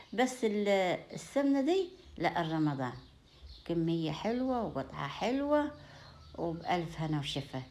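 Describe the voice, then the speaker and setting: With a mid-range, slightly mellow voice and a bit of background noise, a woman chats casually in her home vlog. Her Upper Egyptian Sa'idi accent carries a folksy warmth, and her talk overflows with blessings and endearments for her viewers.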